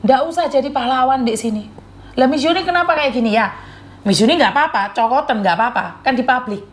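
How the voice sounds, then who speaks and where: A woman's voice: high voice, fast talker. A woman host, sternly lecturing her audience and repeating warnings. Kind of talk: lecturing live chat.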